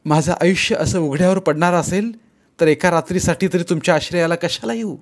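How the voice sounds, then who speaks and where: A man's voice: on the high side, fairly quick, voice pushed up. A wronged wife, adult woman, pleading and arguing in a raised, strained voice, voiced by a man reading a story. She sounds urgent and distressed. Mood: desperate. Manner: pleading, agitated.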